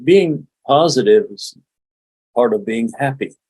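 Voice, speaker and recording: An older man, a meditation teacher, giving a relaxed, folksy spoken lesson with frequent chuckles. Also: medium pitch, a little slow, breathy edge, dry recording, rough recording. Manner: chuckling, folksy, demonstrates laughing exercises.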